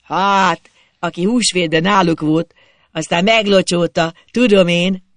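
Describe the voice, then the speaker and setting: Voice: medium pitch, steady tone, a bit bright, no echo, close to an everyday voice. A reader voicing a cheeky, offhand peasant boy who speaks in a cocky, knowing way.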